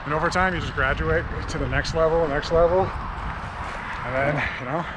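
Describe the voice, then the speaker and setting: A man's voice: on the high side, normal speed, very noisy. A man vlogging outdoors on a mountain bike trail, talking casually with lots of ums and you-knows into an action camera he wears. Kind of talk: casual trailside vlog talk. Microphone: action camera worn while riding.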